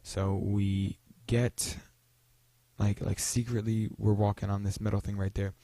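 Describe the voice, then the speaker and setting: A man's voice: on the low side, level tone, measured pace, dark tone, no room sound. A young man telling a story in a casual vlog, rambling with many fillers and restarts. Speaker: vlogger.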